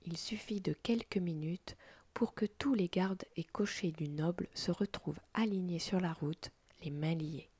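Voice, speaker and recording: A woman narrates a story as a whispered role-play, her voice a breathy, husky unvoiced whisper. She sits slightly low in pitch and close to the mic, with a dry, close sound and no room around her. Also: no room sound. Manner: soft, slow storytelling in a whisper.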